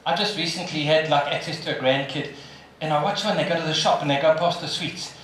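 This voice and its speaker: An older man with a South African accent giving a live motivational talk, firing questions at the audience in an animated way. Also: a little high, fast talker, background noise. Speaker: motivational speaker. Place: large hall with a live audience. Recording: echoey hall, from a distance, audience audible.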